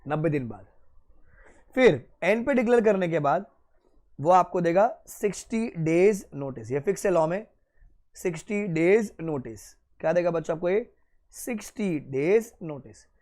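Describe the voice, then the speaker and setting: High-voiced lecturer quizzing his students. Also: lively intonation, a little slow, darkish tone. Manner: quizzing, playful, answers his own questions; mixes Hindi and English. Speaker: teacher. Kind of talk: classroom lecture.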